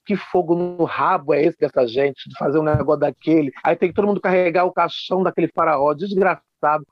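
A man with a slightly high voice tells comic tales in an interview, lively and theatrical, often popping into shrill voices for the people in his stories. The sound is dull and lo-fi, and very dry. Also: fairly quick, no room sound. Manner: animated comic storyteller, swings into high put-on voices. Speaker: guest author. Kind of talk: storytelling interview chat.

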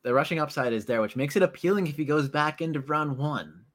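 A man's voice: fairly high pitch, expressive, fast talker, fairly bright tone. A man co-hosting a casual sports talk show, talking eagerly and conversationally. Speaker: podcast co-host.

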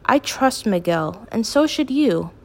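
A calm, practical middle-aged father who speaks in a measured, gently firm way, read by a woman narrating a storybook. He sounds steady and reasonable. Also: on the high side.

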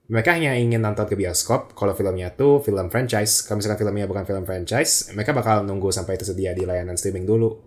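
A man's voice: on the low side, quick pace, hardly any pauses. A young man with an Indonesian accent and a slightly slurred r, chatting casually about films as a co-host and mixing in English phrases. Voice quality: slurred r, a slight speech impediment. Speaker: podcast co-host.

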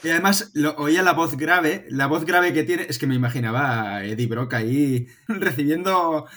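A man's voice: fairly high pitch, normal speed, bright, forceful tone. A man co-hosting a casual film podcast, often restarting his phrases and slipping in playful jokes. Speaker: podcast co-host.

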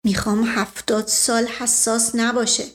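A woman's voice: fairly high pitch, little pitch movement, natural voice. A woman voicing a restless middle-aged nobleman with a sarcastic, needling way of talking. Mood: snide.

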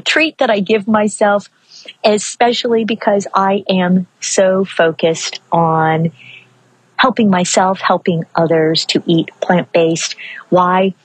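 An older woman from Maryland hosting a reflective solo podcast from outdoors. She stretches key words slowly and rushes through asides. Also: medium pitch, husky, no echo, poor audio. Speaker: podcast host.

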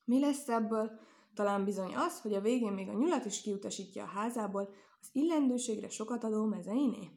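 A woman reading a children's story aloud in a lively, expressive way. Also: mid-range voice, gravelly.

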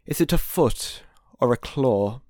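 A man's voice: mid-range voice, lively intonation, a little slow, a little mellow, no echo, clean studio sound, close to an everyday voice. A man voicing a frightened old miser who speaks in a pleading, anxious way, in an audiobook reading.

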